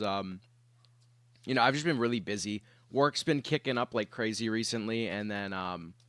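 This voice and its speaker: A man's voice: mid-range voice, a bit bright, no echo. A young man who is sick, chatting casually with his livestream viewers from his bedroom, rambling along with lots of fillers and the odd cough. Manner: rambling and laid-back, many fillers. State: sick, with coughs and throat clearing.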